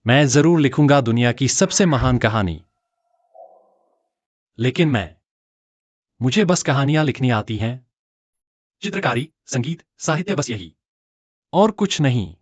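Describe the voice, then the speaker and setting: An actor playing a poor, sensitive young male writer in a dubbed short drama, expressive and earnest. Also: mid-range voice, measured pace, long pauses, dry recording.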